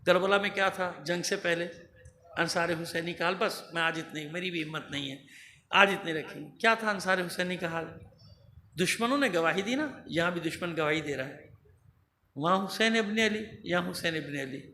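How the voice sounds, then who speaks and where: A man's voice: high-pitched, sharp tone. A man, a cleric, delivering an emphatic, admonishing sermon at a religious gathering into a microphone in a large prayer hall. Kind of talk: Muharram majlis sermon. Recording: roomy hall with faint hum.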